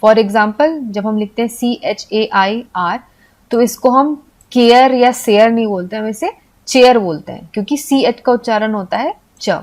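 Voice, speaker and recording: A woman with a somewhat high voice is teaching an English pronunciation lesson. She explains patiently and repeats each point with simple examples, in a steady classroom manner. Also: measured pace.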